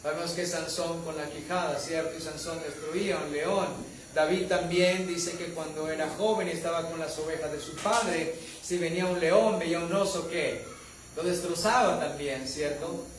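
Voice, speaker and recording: A man's voice: fairly high pitch, fairly even intonation, moderate pace, echoey room, far from the mic, noisy background. A man preaching a sermon as pastor, addressing his listeners as beloved brothers and rising to fervent exhortation.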